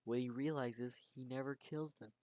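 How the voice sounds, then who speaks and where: Dry, animated amateur storyteller. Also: medium pitch, moderate pace, no echo. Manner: animated, dramatic narration with frequent restarts. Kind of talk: casual retelling of a fan-made horror story.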